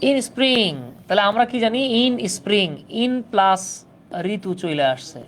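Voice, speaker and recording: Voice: mid-range voice, animated, takes it slowly, a little hiss or hum. A grammar teacher giving a live online class for job exam prep, patiently repeating points and checking that students follow. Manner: patient, repetitive, keeps checking understanding.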